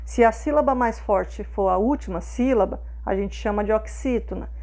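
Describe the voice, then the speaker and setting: A woman's voice: medium pitch, normal speed, darkish tone. A woman teacher with a Brazilian accent, patiently explaining schoolwork and often checking in with her pupils. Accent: Brazilian Portuguese.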